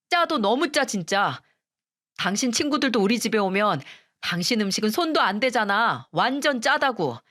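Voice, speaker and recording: A woman's voice: mid-range voice, fairly bright tone. Woman doing a weary complaining grown son.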